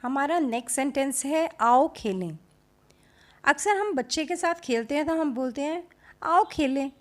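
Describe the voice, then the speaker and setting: A woman teaches a home lesson as a YouTube teacher, blending Hindi with English words. She speaks deliberately and repeats model sentences, her high voice full of lively intonation.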